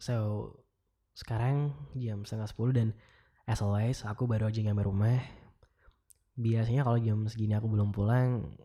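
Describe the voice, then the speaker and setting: A young man with an Indonesian accent playing a caring, wistful ex-boyfriend in a gentle, casual, intimate voicemail monologue, mixing in English. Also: fairly low pitch, steady tone, normal speed, long pauses, lightly acted. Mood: wistful, tender. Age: young adult.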